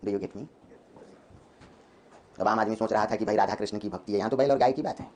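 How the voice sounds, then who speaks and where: कक्षा में हिंदी साहित्य पढ़ाता एक पुरुष शिक्षक, जो बार-बार छात्रों से सवाल पूछता है।. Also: male voice, lowish voice, a little hiss or hum. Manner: lively, quizzes students with quick questions. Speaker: Hindi literature teacher. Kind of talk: classroom lecture. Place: classroom.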